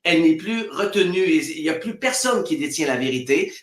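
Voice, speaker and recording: This Quebec man, a spiritual guest on a live stream, speaks casually in his Québécois French accent, often laughing and acting out quoted voices. He talks briskly in a slightly high, expressive, somewhat bright voice, with the echo of the room audible.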